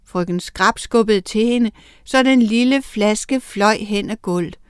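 Clear-voiced woman reading a children's story. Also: medium pitch, no room sound, studio quality. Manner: lively expressive reading aloud.

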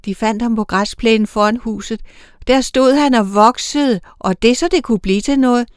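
A woman narrating a storybook tale in a measured, expressive way. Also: on the high side, clean tone, dry recording, clean studio sound. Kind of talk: storybook reading.

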